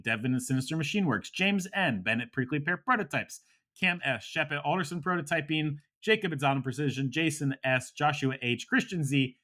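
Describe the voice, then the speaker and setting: A man's voice: fairly high pitch, pushed and bright. A man co-hosting a podcast in casual chat, laid-back, laughing often and trailing off with fillers. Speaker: podcast co-host.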